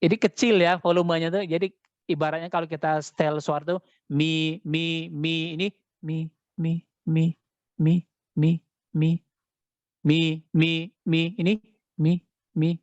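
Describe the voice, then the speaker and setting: A man teaching Quran recitation in an online class, chanting verses slowly and then explaining them quickly, heard over dull call audio. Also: fairly high pitch, level tone, a little mellow, dry recording. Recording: dull, lo-fi dry sound.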